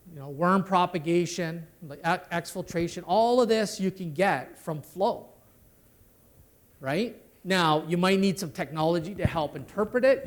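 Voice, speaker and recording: A middle-aged man giving a conversational conference talk on network security, ending many sentences with "right?". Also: sits high. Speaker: conference speaker. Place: conference hall.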